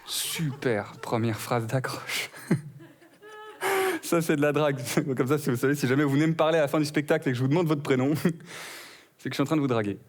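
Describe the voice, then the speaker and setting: A young stand-up comedian with a medium-pitched voice speaks fast as he performs his routine. He tells a story packed with wordplay and acts out both sides of a conversation.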